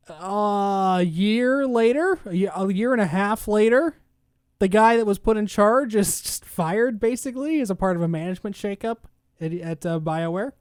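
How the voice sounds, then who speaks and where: A man's voice: high-pitched, clean tone, no echo, studio quality. A man co-hosting a gaming news podcast, reading articles aloud and then riffing on them with sarcastic asides in casual chat. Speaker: podcast co-host.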